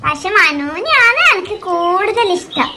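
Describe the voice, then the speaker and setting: A woman's voice: very high voice, animated, unhurried, heavy background noise, heavily acted. A woman voicing a doting, teasing old grandmother in a cartoon who tells tall tales to her granddaughter. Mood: storytelling. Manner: storytelling, fond and teasing. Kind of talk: cartoon voice acting.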